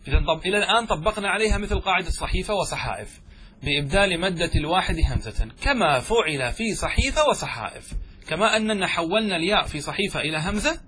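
A man's voice: high-pitched, pushed and bright, a little hiss or hum. A man teaching a classroom grammar lesson as a sheikh. He keeps asking the students questions, repeats the answers and drags out key words for emphasis.

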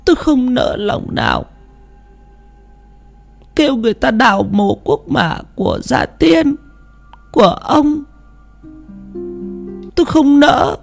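A woman's voice: very high voice, lively intonation, unhurried, gravelly, pauses often, darkish tone, soft background music, full character voice. A woman voicing a grieving old widow who pleads through tears. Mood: tearful pleading. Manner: tearful, pleading, sobbing. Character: grieving old widow haunted by her husband.

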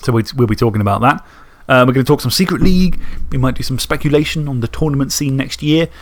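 Guy co-hosting a podcast, rambly, jokey about himself, pretty average pitch. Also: fast talker. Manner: rambling, self-mocking, laughs often. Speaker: podcast co-host. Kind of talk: casual chat.

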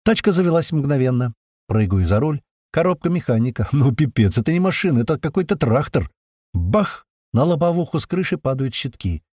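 A man reads a first-person action story in a tense, lively telling. His pitch rises and falls a lot, and his mid-pitched voice sits up close in a dry sound. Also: moderate pace, dry recording. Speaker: narrator. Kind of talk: first-person audiobook narration.

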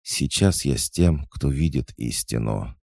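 A man's voice: extremely low pitch, expressive, measured pace, a little mellow, dry recording, studio quality, voice pushed up, heavily acted. A man voicing a weary, frightened young empress who speaks in tense, clipped lines. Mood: defiant.

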